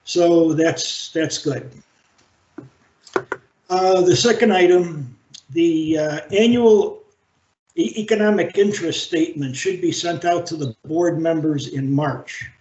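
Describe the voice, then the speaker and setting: A man chairing a library board meeting over a video call, speaking in a halting, measured way with frequent fillers. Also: a little high, darkish tone, slight background noise. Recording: roomy, dull video-call audio.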